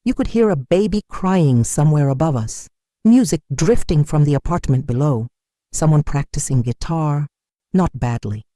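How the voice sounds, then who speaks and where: A woman reading a scripted first-person story in an even, measured way. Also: deep voice, no room sound, clean studio sound.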